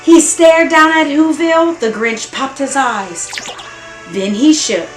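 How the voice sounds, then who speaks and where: Reading slowly in a high-pitched voice, a woman brings a rhyming kids' story to life with a singsong rhythm and dramatic emphasis. Music plays behind her, and the space sounds echoey.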